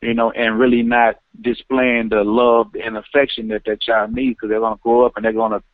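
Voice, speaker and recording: A man phoning in to a radio talk show, earnest and often pausing with "um". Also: medium pitch, little pitch movement, no room sound. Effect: heard over a phone line. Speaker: caller. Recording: tinny, dry phone line.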